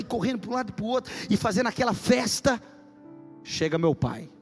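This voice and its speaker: A man pastor preaches in a church, telling a story with lively drama before building to impassioned, near-shouted preaching. His voice sits high, and soft music plays faintly behind him.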